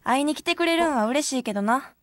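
A woman's voice: high-pitched, expressive, quick pace, slight background noise. Teasing Kansai idol girl. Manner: blunt, teasing quips. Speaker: dating game character.

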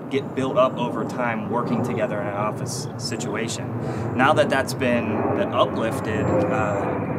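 Man, 30s, consultant guest, mid pitch, halting and thoughtful, outdoor city noise. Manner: thoughtful, many fillers and restarts. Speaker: consulting team lead, guest. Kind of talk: corporate interview. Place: outdoor stone bench in an urban courtyard.

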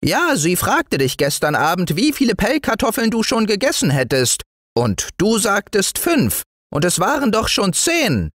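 A man voicing a small gray male forest dwarf in a bedtime storybook, with a thin, high voice and a scolding manner. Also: unhurried, no echo, studio quality, heavily acted. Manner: scolding, lively. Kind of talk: storybook reading.

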